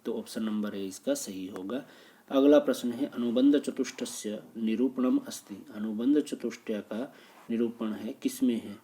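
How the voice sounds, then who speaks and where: A man's voice: medium pitch, measured pace, dark tone. A man teaching as he works through exam questions, reading each one, restating it and explaining the answer. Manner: reads a question, then repeats and explains it.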